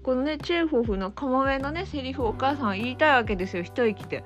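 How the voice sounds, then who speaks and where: A woman's voice: sits high, animated, fast talker, soft background music. A woman hosting a casual solo podcast as a mother, flustered and laughing as she pleads with her small child to stop interrupting.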